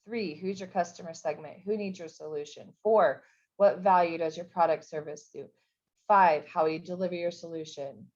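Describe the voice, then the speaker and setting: Here the same coordinator's voice comes across as fairly low and darkish, steady, at a normal speed. She keeps the info session casual, stumbling through fillers and restarts, captured on a dull lo-fi recording.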